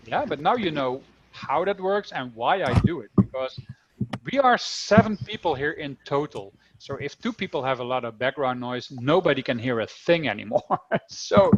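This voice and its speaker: Over a video call, a Dutch man runs a coding lesson for kids, addressing them directly in a cheerful, talkative way with his Dutch accent. His voice is mid-range, the highs are cut off, and the background is noisy.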